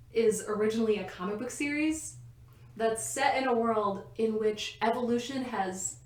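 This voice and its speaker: Young woman, podcast co-host, giggly, rambling, roomy bedroom echo. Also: mid-range voice. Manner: giggly, rambling, often laughing mid-sentence. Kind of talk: casual podcast chat. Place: a bedroom at home.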